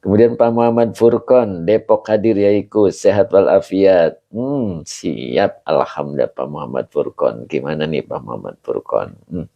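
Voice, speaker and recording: A man's voice: deep voice, expressive, moderate pace, vocal fry, muffled recording. A man with an Indonesian accent, a religious teacher casually greeting viewers of his live stream and reading their comments aloud with frequent chuckles.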